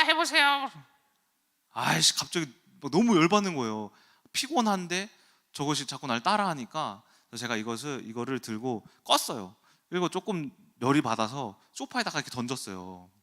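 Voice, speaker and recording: A pastor in his thirties tells a lively story in an early-morning sermon, his voice bright and clear. His pitch jumps up and down as he acts out the scenes, and he pokes fun at himself. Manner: animated, self-deprecating storytelling.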